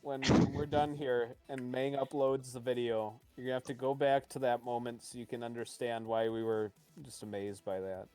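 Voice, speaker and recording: A man's voice: medium pitch, little pitch movement, moderate pace, few pauses, warm tone, clean tone, faint music behind. A man narrating a tabletop game casually as its game master.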